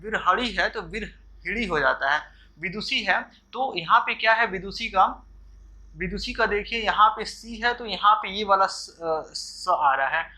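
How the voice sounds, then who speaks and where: A man's voice: high voice, unhurried, sharp tone. A man teaching correct Hindi spelling for exam preparation, going through words one at a time with frequent fillers and restarts. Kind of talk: exam-prep spelling lesson.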